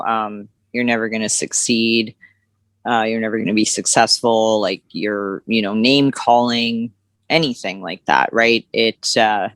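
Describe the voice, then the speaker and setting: A Canadian woman with a very deep voice co-hosts a podcast, chatting candidly and casually with lots of fillers. There's no echo in the recording.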